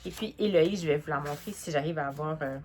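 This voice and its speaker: A young woman with a Québécois French accent, chatting casually about children's books in a lively vlog, with plenty of fillers and restarts. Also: low voice, quick pace, slight background noise. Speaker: book vlogger. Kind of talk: casual book review vlog.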